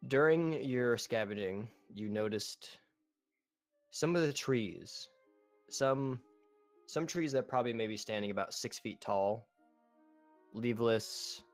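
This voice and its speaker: A man's voice: medium pitch, takes it slowly, long pauses, no room sound, faint music behind. A man running a tabletop game over voice chat, narrating in a loose, casual way with restarts and fillers. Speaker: game master. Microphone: online voice chat.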